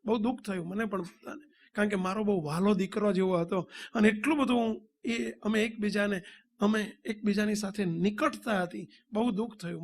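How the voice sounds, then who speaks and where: A man with a high voice and a Gujarati accent delivers a sermon to devotees. He tells a story and acts out the lines of the people in it, calling out to his listeners as he goes. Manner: addresses devotees, acts out dialogue. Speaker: swami preacher.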